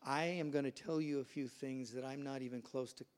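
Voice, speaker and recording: A man's voice: medium pitch, steady tone, brisk, a little mellow, smooth. A man preaching a sermon as pastor in a church, telling stories and acting out the people in them. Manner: storytelling, acts out quoted voices. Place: church sanctuary.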